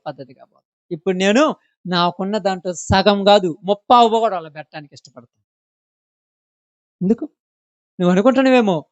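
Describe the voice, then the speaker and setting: A man's voice: high-pitched, no echo, dull audio. A man preaching a sermon, scolding the congregation with impassioned rhetorical questions. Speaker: pastor.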